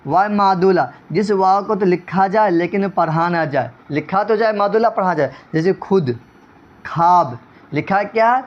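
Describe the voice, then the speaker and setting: A man's voice: sits high, hardly any pauses. A male teacher giving an online grammar lesson, repeating each point and often checking whether students understood. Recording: dull lo-fi recording.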